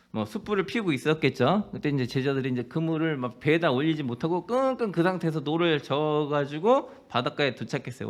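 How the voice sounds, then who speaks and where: A man preaching a sermon, telling a story with lively acted-out quotes and questions to the congregation. His voice sits a little high for a man. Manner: asks the congregation rhetorical questions. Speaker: pastor.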